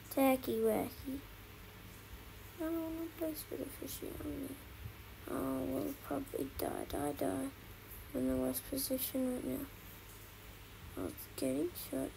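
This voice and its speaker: A woman streams a shooter game and chats to her viewers in a gravelly, fry-heavy voice that sits fairly high. She talks slowly and excitably and repeats lines when something surprises her. Noticeable noise sits under the recording. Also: rough recording. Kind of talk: casual gameplay commentary.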